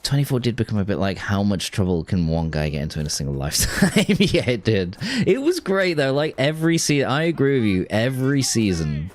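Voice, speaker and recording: Man, deep voice, lively swings in pitch, casual streamer chatter, faint noise behind. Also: brisk, few pauses. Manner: chatty, rambling, self-interrupting with restarts. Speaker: streamer playing a game. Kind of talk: casual gameplay chat with chat.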